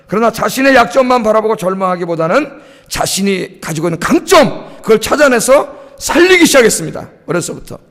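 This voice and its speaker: Fast, high-voiced preaching man in a hall. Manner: emphatic preaching, repeats key words softly. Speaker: pastor. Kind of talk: sermon. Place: church sanctuary. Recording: long church hall reverb.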